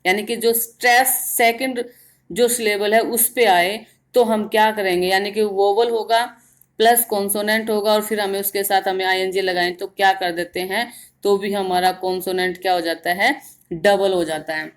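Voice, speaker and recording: A woman teaching grammar in Hindi, explaining step by step and repeating words slowly to show their stress. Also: medium pitch, fairly even intonation. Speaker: English teacher. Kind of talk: grammar lesson in Hindi with English terms.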